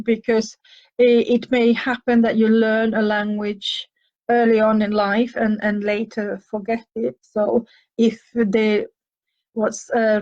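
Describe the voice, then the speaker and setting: Hosting an advice show, this older woman from Finland, a native speaker of Finnish and Swedish, answers listeners' questions thoughtfully and hesitantly, using many fillers and coughing slightly. Her voice is mid-range with a darkish tone, and the highs are cut off.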